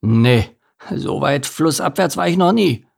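A man's voice: on the high side, lively intonation, measured pace, creaky, slightly rough, pitched above the performer's own voice, exaggerated voice. A man doing a weary, thoughtful eel. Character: calm, thoughtful male eel, a bit weary. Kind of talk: storybook reading.

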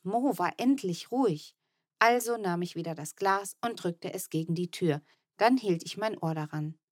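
A woman reading a children's audiobook aloud in the first person, with lively, expressive storytelling. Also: lowish voice, dry recording, studio quality. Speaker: audiobook narrator.

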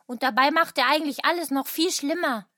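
A woman's voice: high-pitched, brisk, bright, forceful tone, no room sound, studio quality. A woman voicing a sensible, talkative child in a family audio drama. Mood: thoughtful.

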